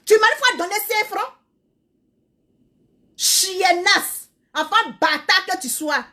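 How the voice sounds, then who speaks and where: A woman delivering a loud, scolding rant full of repeated insults. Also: very high-pitched, expressive, slow pace. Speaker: social media creator. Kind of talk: angry insult-filled rant.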